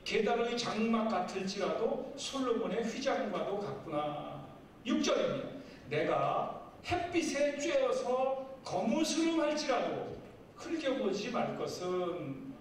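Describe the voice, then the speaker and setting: A middle-aged male pastor preaching a sermon, reading scripture slowly and acting out little scenes with lively shifts. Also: high voice. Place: seminar hall. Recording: very echoey hall, voice from far off, faint noise.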